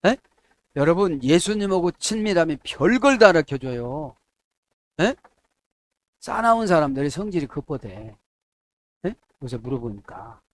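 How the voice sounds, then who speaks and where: Lively middle-aged Korean pastor preaching. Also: male voice, on the high side, a little slow, long pauses. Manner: asks the congregation "에?" to check agreement. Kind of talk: sermon.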